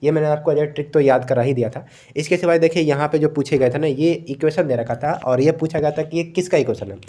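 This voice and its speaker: A young male tutor talks through exam answers in a relaxed, easygoing way. His voice is mellow and dark, set a little high for a man. He keeps checking in with his listeners, slipping English words into his speech. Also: a little fast. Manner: relaxed, repeats "thik hai" often, mixes in English words. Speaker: exam coaching teacher. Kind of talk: casual explanatory lecture.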